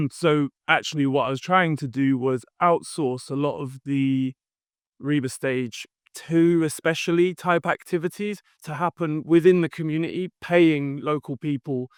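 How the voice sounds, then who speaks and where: A man talks through his career in a relaxed, explanatory way, pausing on fillers as he thinks. His voice sits a little high and comes across smooth and resonant. The recording is close and dry. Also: dry recording. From London. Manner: thoughtful, explanatory, with frequent fillers. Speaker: podcast guest, company founder. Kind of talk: conversational interview answers.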